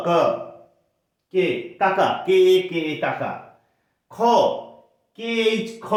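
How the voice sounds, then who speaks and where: A man teaching pronunciation, slow and patient, repeating each sound several times. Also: high-pitched. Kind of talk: spoken language lesson. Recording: very echoey room.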